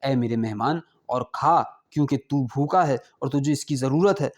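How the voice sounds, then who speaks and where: A man's voice: mid-range voice, natural voice. A man voicing a lavish, mocking rich host who insistently presses food on his guest. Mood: coaxing. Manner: insistent, coaxing.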